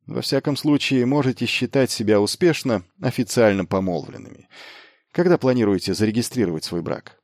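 A man reading an audiobook voices a young male mercenary lord who talks briskly, commanding and ironic. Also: mid-range voice, darkish tone, no echo, clean studio sound, close to an everyday voice. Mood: wry. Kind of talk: audiobook character voice.

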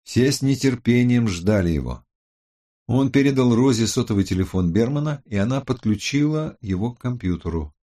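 A man narrating a detective audiobook in a measured, expressive reading. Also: medium pitch.

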